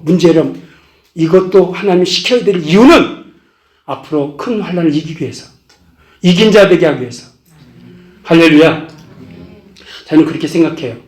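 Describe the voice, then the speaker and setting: Impassioned high-voiced preacher man, echoey church. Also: darkish tone. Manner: impassioned preaching, pitch swings up on key phrases. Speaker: pastor. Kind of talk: testimony sermon.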